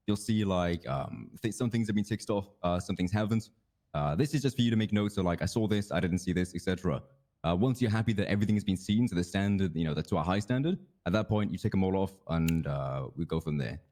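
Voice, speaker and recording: Fast-talking, low-voiced man, easygoing. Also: darkish tone. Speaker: police roleplay streamer briefing a trainer. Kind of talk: in-character roleplay chat, explaining procedures.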